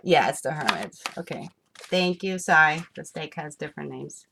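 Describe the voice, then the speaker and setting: A woman with a slightly low voice gives a spiritual tarot reading. She talks in an eager, rambling way. A faint noise sits under the recording. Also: normal speed, vocal fry. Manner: enthusiastic, excitable, rambling. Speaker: tarot reader.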